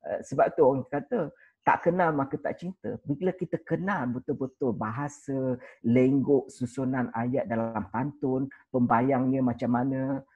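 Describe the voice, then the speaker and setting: Man, panel guest, measured and halting, a touch raspy, slightly muffled sound. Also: medium pitch, steady tone, darkish tone, no echo. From Malaysia. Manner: hesitant, pauses often to search for words. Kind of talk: panel discussion.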